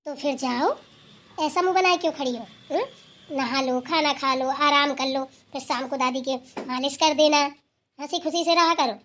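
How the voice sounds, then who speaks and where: A woman's voice: high voice, normal speed, fairly bright tone, a little hiss or hum. A woman voicing a bossy but loving old village grandmother in a cartoon, scolding and then coaxing the family. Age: older. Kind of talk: cartoon voice acting.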